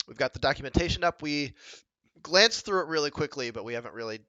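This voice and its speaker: A man co-hosting a coding livestream in a casual, halting way with many ums, speaking into a headset mic. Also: on the high side, lively intonation, bright, forceful tone, dry recording, dull audio. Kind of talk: casual live coding chat.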